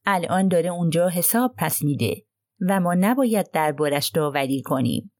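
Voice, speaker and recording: A woman's voice: on the low side, lively intonation, darkish tone, no room sound, studio quality, close to an everyday voice. A woman voicing a prim, self-righteous older housekeeper who complains indignantly, in an audiobook.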